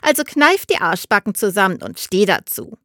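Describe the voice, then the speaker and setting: Woman reading a stern older mother, curt, commanding, lively rise and fall, dry close sound. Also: mid-range voice, moderate pace, no room sound. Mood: brisk, stern.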